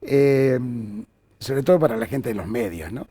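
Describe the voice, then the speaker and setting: An older man from Córdoba, speaking with an Argentine accent, appears as a journalist guest in an interview and shares anecdotes from his career. His voice is medium-pitched and a little slow, and he tells his stories in an animated way, full of fillers and restarts.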